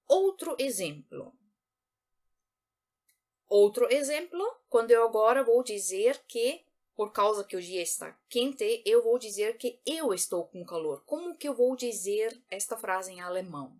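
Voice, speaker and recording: A woman giving a language lesson, patiently repeating example words slowly. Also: on the high side. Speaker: German teacher.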